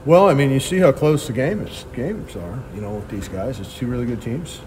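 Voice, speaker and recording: A middle-aged man, a head baseball coach, answering reporters at a postgame press conference with plain, quick answers and frequent restarts. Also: mid-range voice, darkish tone, a little hiss or hum. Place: press backdrop at a ballpark.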